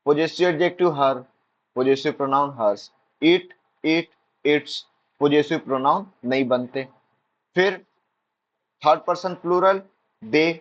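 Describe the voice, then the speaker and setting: A man's voice: a little high, dull audio. A male teacher giving an exam-prep grammar lesson, drilling points playfully with jokey asides.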